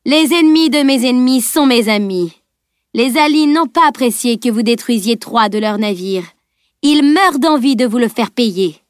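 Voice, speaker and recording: A woman's voice: mid-range voice, lively intonation, normal speed, dry recording, studio quality, natural voice. A woman reading an audiobook and voicing a scornful, cruel female villain with a mocking, contemptuous delivery. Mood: taunting.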